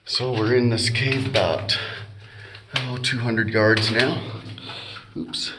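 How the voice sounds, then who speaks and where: A man's voice: mid-range voice, slow pace. Man narrating in a cave echo. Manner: calm, matter-of-fact running commentary. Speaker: explorer filming a mine. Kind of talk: casual narration while walking. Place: inside an old mountain mine tunnel. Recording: noisy cave recording. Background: flowing water.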